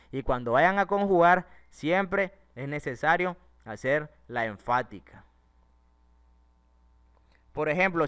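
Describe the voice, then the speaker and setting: A male English teacher whose first language is Spanish gives a classroom-style grammar lesson, explaining step by step and asking the class rhetorical questions. His mid-range voice is a bit bright, clear, and resonant.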